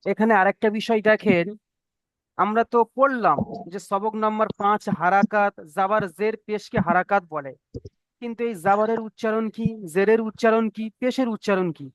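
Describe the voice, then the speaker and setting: A man teaching an online class on reading Arabic, drilling each point slowly, repeating it, and asking students to say it back. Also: sits high, clean tone, no echo, rough recording. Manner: slow, repetitive call-and-repeat teaching. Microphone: online call microphone.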